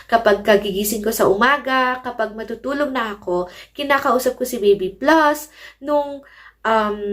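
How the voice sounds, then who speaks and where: A woman talks to her viewers in a chatty, friendly way, handing out pregnancy advice. Her voice sits a little on the high side. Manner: chatty, addresses viewers as mommies, mixes English in. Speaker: parenting vlogger. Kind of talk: casual advice vlog.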